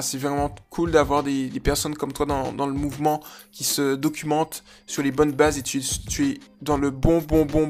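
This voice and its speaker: A man hosting a dog-training podcast in a chatty, enthusiastic monologue full of fillers. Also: fairly high pitch.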